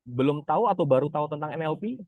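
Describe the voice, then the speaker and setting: A man's voice: fairly high pitch, lively intonation, fast, dry recording. A man moderating an online webinar, chatty and friendly with many fillers. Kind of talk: casual online webinar hosting. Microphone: video call. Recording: dull dry video call audio.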